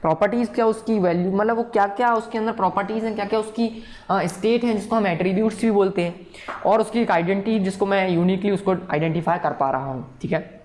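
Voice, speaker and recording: A man's voice: high voice, fast, darkish tone. Male coding instructor, patient and repetitive, keeps checking the class follows. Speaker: programming instructor. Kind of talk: recorded coding tutorial lecture.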